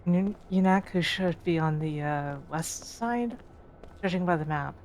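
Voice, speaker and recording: A woman's voice: fairly low pitch, lively intonation, measured pace, a little mellow, a little hiss or hum. A woman guest on a game stream who chats casually and playfully and gives the player helpful tips. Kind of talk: casual gameplay chat.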